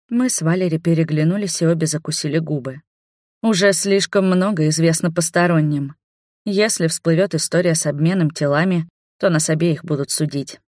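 A woman reading a fantasy story aloud in the first person, steady and expressive. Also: deep voice, no room sound, studio quality. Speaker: audiobook narrator.

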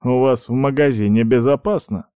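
A man voicing a stern, doting old grandfather who heads a clan, speaking slowly, heavily and commandingly. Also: medium pitch, dark tone, clear, resonant tone, no room sound, studio quality, pitched above the performer's own voice, lightly acted. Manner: slow, heavy and commanding.

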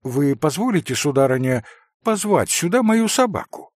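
A man reading an audiobook, putting on the voice of an excited, insistent teenage schoolboy. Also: fairly high pitch, moderate pace, dry recording, studio quality. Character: eager, bossy teenage schoolboy, talking fast.

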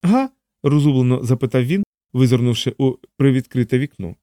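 Male audiobook narrator, mellow dark voice, dry close recording, steady read. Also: medium pitch, fairly quick, no room sound. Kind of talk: scripted narration.

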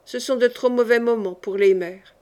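A woman reading the part of a gentle young man on his deathbed, soft, weary and affectionate. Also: on the high side, moderate pace, lightly acted. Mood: tender.

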